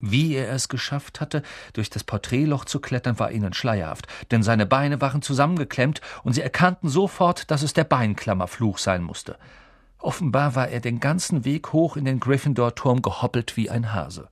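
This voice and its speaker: A male audiobook narrator with a husky, slightly breathy voice, telling the story in a lively way. The sound is dry and close, with no room around it. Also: mid-range voice, normal speed, dry recording. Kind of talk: scripted narration.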